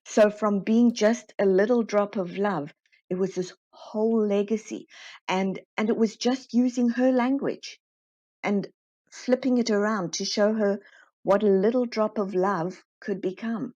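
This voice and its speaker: A woman guest in an interview, explaining her work in a lively way and acting out the dialogue she quotes. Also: medium pitch, unhurried. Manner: animated, acts out quoted dialogue. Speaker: guest, constellation facilitator. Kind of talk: conversational interview storytelling. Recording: slightly dull, muffled audio.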